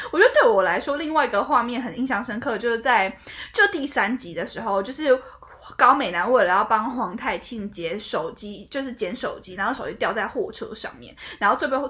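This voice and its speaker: A young woman chatting casually about an old drama, her voice bright and higher than most. She swings widely in pitch, laughing and swearing mildly as she pokes fun at scenes. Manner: animated, swears and laughs while ranting. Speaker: co-host. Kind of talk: casual chat reviewing a drama.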